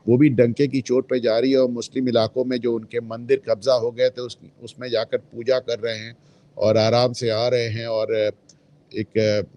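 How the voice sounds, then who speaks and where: A man's voice: mid-range voice, level tone, moderate pace, warm tone. A man speaking as a guest in a political discussion, emphatic and opinionated, dropping English phrases into his talk. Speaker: guest commentator.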